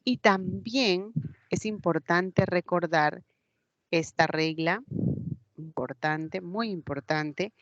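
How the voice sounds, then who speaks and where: Slow, patient woman teacher, lo-fi sound. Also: lowish voice, no echo. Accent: Peruvian Spanish. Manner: patient, explains step by step, checks with "¿ya?". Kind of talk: online class lecture. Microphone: computer mic in a video class. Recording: dull lo-fi online class audio.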